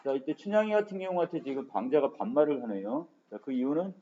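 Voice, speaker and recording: A man's voice: on the high side, lively intonation, fast, mellow. A male literature teacher giving an online exam-prep lecture in a casual manner, starting sentences with frequent filler words, in a dull lo-fi recording.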